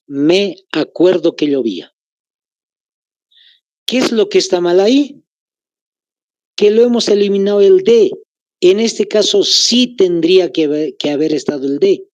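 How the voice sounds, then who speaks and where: A man with a Bolivian Spanish accent teaching a grammar lesson, slowly repeating phrases so students can take notes. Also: high voice, expressive, a little mellow, no echo, muffled recording.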